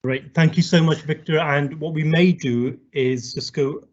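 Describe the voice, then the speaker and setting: A man's voice: a little high, fairly even intonation, measured pace. Polite man chairing, slightly muffled audio. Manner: hesitant, polite. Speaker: webinar host. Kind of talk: informal chairing. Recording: dull webinar audio.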